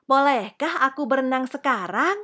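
A woman voicing an excited, whiny little girl princess in a storybook reading, high and sing-song. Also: normal speed, full character voice. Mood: eager.

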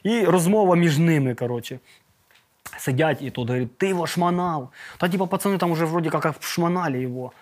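A man's voice: on the high side, expressive, fast talker, a little mellow. A man telling a story to a podcast host in a casual, slangy way, acting out sounds and swearing now and then. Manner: vivid, slangy retelling with sound effects and swearing. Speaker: podcast guest.

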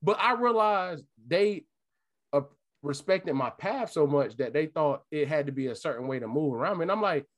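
Animated high-voiced man, slangy casual talk. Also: normal speed. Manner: slangy, says "bro" constantly. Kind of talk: casual conversational storytelling.

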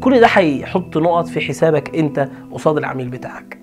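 An Egyptian man gives a brisk, animated lesson on handling customers. His voice sits high and moves quickly, and soft music plays underneath. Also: slightly rough. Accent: Egyptian Arabic. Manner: animated, acts out customer exchanges. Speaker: customer service trainer. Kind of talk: energetic instructional talk.

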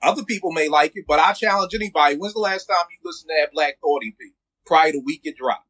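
A man's voice: on the high side, fast, fairly bright tone, breathy edge. A man in his forties from Philadelphia, talking bluntly and with plenty of swearing in a casual podcast chat about music. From Philadelphia, USA. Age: 40s. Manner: blunt, profane and emphatic. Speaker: podcast co-host.

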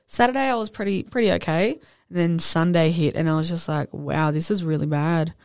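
A woman's voice: lowish voice, fairly even intonation, brisk, darkish tone, clear, resonant tone, no echo, studio quality. Nasal woman, casual podcast chat. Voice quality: nasal from illness. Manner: laughs often, swears casually. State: getting over the flu. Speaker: podcast co-host.

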